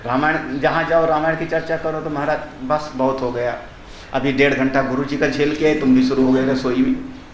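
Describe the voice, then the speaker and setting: Older swami, echoey discourse hall. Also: male voice, mid-range voice, little pitch movement, moderate pace, a little hiss or hum. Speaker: swami teaching scripture. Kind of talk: Hindi discourse on Vedanta.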